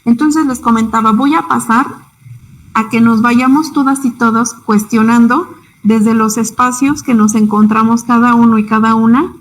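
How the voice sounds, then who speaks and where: A woman's voice: fairly high pitch, fairly even intonation, moderate pace, low-quality recording. A young woman with a Mexican Spanish accent giving a symposium talk, conversational and full of tag questions. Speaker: psychology speaker.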